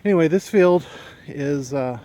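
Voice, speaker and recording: A man with a somewhat high voice talks outdoors on his rural land, easygoing and digressive, wandering off on side tracks. He sounds a little out of breath. Faint outdoor noise sits behind him. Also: measured pace, dark tone. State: slightly out of breath. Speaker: homesteading vlogger. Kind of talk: casual walking tour chat.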